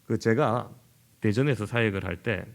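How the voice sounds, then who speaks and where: A middle-aged man from southern Korea, a senior pastor preaching a sermon in an animated way and acting out everyday conversations. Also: on the low side, moderate pace, vocal fry. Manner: animated, acts out everyday dialogue in lively voices.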